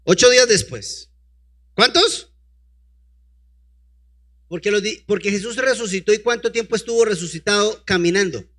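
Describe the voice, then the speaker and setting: A male preacher with a high, bright, ringing voice delivers a sermon. He reads scripture aloud and keeps breaking off to fire rhetorical questions at his listeners, then calls for the next slide. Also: normal speed, long pauses. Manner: peppers reading with rhetorical questions to the congregation; calls out to a helper to advance the slides.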